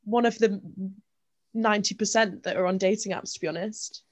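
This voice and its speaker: A woman's voice: mid-range voice, steady tone, fairly quick, no room sound. A young woman co-hosting a podcast, telling stories in a chatty way with lots of fillers. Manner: chatty storytelling, many fillers and restarts. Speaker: podcast co-host. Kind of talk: casual chat.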